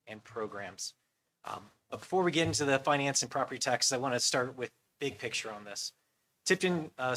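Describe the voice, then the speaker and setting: Bright-voiced man presenting school finances. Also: mid-range voice, a little hiss or hum, rough recording. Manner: earnest, measured, with ums. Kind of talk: presentation to a board.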